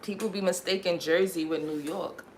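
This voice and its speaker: A woman's voice: lowish voice, fairly even intonation, normal speed, slight background noise. A young woman raised in Connecticut, chatting casually on her livestream in a rambling, slangy way and laughing often. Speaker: livestream host.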